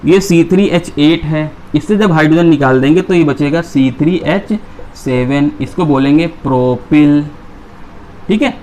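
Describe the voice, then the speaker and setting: A man's voice: on the high side, unhurried, a little mellow, slight background noise. A man teaching a chemistry class, who keeps asking his students questions and then answering them himself. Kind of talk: classroom lecture.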